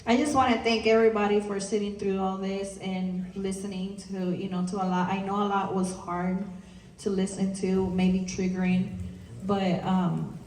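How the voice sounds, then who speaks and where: A woman's voice: mid-range voice, level tone, normal speed, darkish tone, slight background noise. A woman giving a public talk and answering questions, earnest and full of "you know" fillers. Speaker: guest speaker. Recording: roomy distant live recording.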